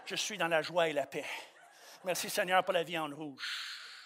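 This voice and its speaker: A middle-aged man preaching a sermon as pastor, swinging from loud emphatic declarations to quiet joking asides. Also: fairly high pitch, a little slow.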